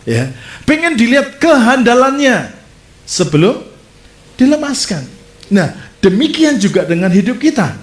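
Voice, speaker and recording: Animated preacher with an echoey sound. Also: male voice, very high voice, a little slow, pauses often. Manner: animated storytelling preacher, addresses audience directly. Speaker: pastor. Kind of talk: sermon. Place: church. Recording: echoey church hall.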